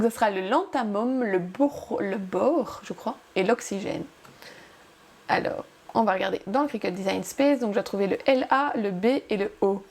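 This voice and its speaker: A woman's voice: medium pitch, gravelly, a little mellow. A woman hosting a casual crafting tutorial, chatty and upbeat as she guides viewers step by step. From France.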